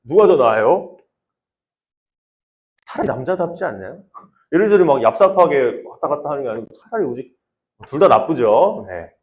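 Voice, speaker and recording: Lively high-voiced youth pastor. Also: male voice, normal speed, long pauses, highs cut off. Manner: lively, calls for responses, acts out crowd cries. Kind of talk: sermon to teenagers. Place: church youth room. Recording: roomy church room.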